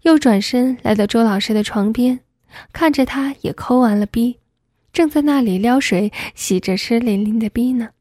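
Husky woman reading a story aloud. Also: a little high, normal speed, warm tone, no echo, clean studio sound.

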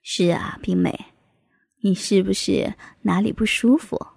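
Tender, soft-spoken husband in an audiobook, low and gentle, put on by a woman narrator. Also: steady tone, a little slow, creaky, husky, dry recording, clean studio sound, full character voice.

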